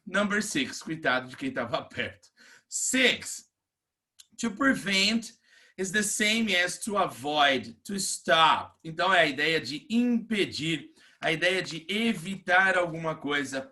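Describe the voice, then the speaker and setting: Brazilian man teaching English online, lively up-and-down delivery, fairly high voice. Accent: Brazilian Portuguese. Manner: slow, lively teaching delivery, stretches English words and repeats "né?". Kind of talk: recorded online class.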